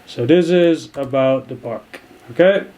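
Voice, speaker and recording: A man's voice: medium pitch, a little slow, warm tone. A man in his thirties talking through a video edit, thinking aloud with many fillers and restarts. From Netherlands. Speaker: video editing tutor. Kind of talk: screen-recorded tutorial narration.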